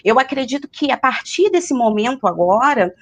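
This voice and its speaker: Woman hosting a live chat over a video call. Her voice is a bit high, and she hesitates a lot with tag questions. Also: expressive, moderate pace. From Rio de Janeiro, Brazil. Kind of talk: casual live-stream chat.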